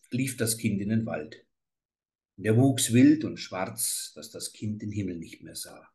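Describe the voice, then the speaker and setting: A man reading an old fairy tale aloud in a measured, atmospheric way. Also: on the low side. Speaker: storyteller.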